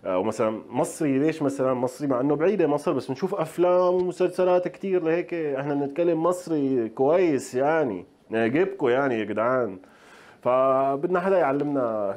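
Fast-talking Levantine chef. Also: male voice, medium pitch, a little mellow. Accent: Levantine Arabic. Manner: chatty, speaks straight to viewers, playful asides. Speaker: chef and show host. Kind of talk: casual cooking tutorial.

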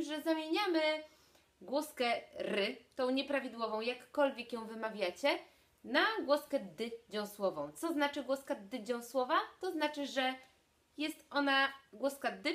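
A young woman speech therapist giving a video lesson, clearly articulating and demonstrating sounds. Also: high voice, a bit bright.

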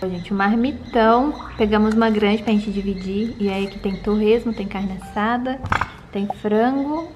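A Brazilian woman in her twenties, a vlogger, chats casually to a handheld camera in her covered garage and kitchen at home. Her voice is medium-pitched at a moderate pace, with faint background noise.

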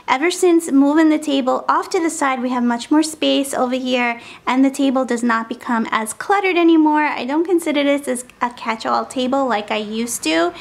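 A woman's voice: high-pitched, moderate pace, vocal fry, hardly any pauses. A woman in her thirties giving casual, chatty voice-over narration for a home cleaning vlog. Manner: chatty, upbeat, homey. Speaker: cleaning vlogger.

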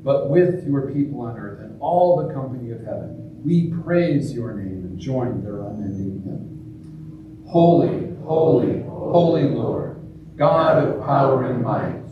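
A man leading a church service, preaching and then chanting the eucharistic prayer in a slow, measured liturgical way, with a heavy cathedral-like echo. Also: medium pitch, highs cut off. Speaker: priest. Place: large church. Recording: echoey church from far off, noisy.

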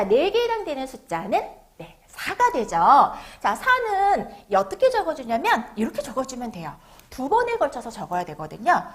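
A woman teaching young children to read and write numbers, drawing out words slowly for them to repeat. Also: high-pitched, fairly bright tone. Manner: sing-song, slow drawn-out counting for children to repeat. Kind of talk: children's math lesson.

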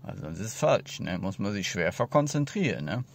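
A man's voice: fairly low pitch, very animated, moderate pace, vocal fry. A man in his forties chatting casually and ramblingly to a phone held at arm's length inside a car. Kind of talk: casual rambling chat to camera.

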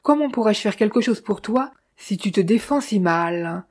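A woman's voice: mid-range voice, animated, normal speed, a little mellow, close to an everyday voice. A woman voicing Austin, a stern man pressing his brother to confess, who talks in an insistent, questioning way.

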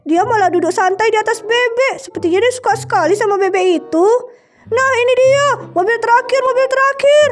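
A woman's voice: very high-pitched, fairly quick, pitched above the performer's own voice. Woman voicing eager little boy Yuta. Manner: bright, eager, bossy little leader. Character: cheerful energetic young boy Yuta.

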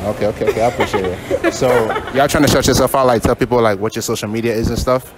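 A man's voice: mid-range voice, quick pace, a faint crowd, slight background noise. A young man doing a casual prank street interview in a shopping mall with a handheld mic, laid-back and teasing, filling his talk with "you feel me" and "like".

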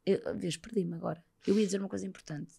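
A woman's voice: on the low side, fast, vocal fry, breathy edge. A woman in her thirties with a European Portuguese accent, chatting casually as a podcast guest and telling stories while acting out the dialogue. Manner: animated storyteller, acts out dialogue. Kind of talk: casual chat.

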